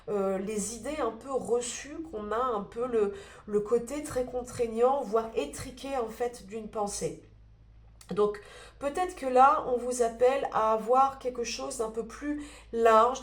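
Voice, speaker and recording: A woman with a cold and a blocked nose giving a spoken tarot reading, searching for words with many fillers and restarts. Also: a little high. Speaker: tarot card reader. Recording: roomy echo.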